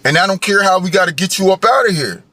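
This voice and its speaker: A man's voice: high-pitched, lively intonation, fast talker, bright, forceful tone, no echo. A man in his forties ranting in a heated, profane, preachy monologue, often tacking on "right?". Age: 40s. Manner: heated, profane, preachy, repetitive tag questions. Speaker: vlogger. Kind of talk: angry monologue rant.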